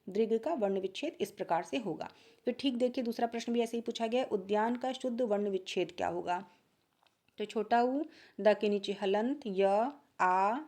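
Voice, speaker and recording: A woman teaching a Hindi grammar exam-prep lesson. She asks each question, then answers it lower and softer, and repeats key points to check understanding.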